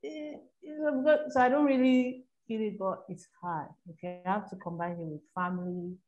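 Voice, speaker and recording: A woman's voice: medium pitch, steady tone, moderate pace, a little mellow, dull audio. Woman panel guest, medium voice, kinda hesitant, laughs a lot. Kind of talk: online panel discussion.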